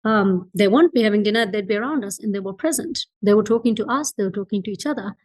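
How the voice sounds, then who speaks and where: Talking at a quick pace in a mid-range voice with a darkish tone, a Fijian entrepreneur shares her thoughts as an interview guest. Her manner is reflective and conversational but emphatic, with phrases repeated for weight.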